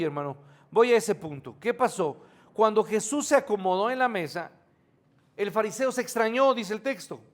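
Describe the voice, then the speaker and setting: A man's voice: high voice, a bit bright. A man preaching a morning church sermon in a conversational teaching style, often asking the congregation questions and answering them himself, with homely asides.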